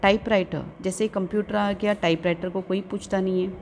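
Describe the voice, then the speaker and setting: A woman's voice: mid-range voice, fairly even intonation, fairly quick, a little mellow, a little hiss or hum. A woman teacher with an Urdu-speaking Indian accent, explaining an English lesson and carefully sounding out English words, repeating each one.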